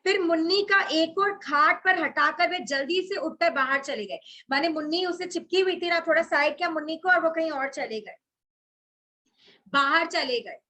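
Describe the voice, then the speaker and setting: A woman's voice: extremely high pitch, moderate pace, pushed and bright. A woman teacher reading passages from a story aloud and explaining them line by line, mixing in English words. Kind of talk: explaining a Hindi literature chapter to students.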